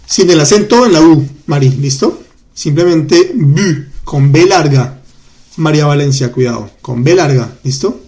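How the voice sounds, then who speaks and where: A man teaching grammar in a live online class, chatty and patient, reading out student comments and repeating words slowly. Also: fairly high pitch, darkish tone. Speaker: French teacher.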